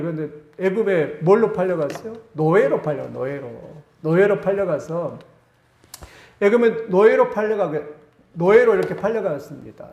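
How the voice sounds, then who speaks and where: A male pastor preaching a sermon, retelling a story with animated emphasis and repeated phrases. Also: high-pitched, roomy sound.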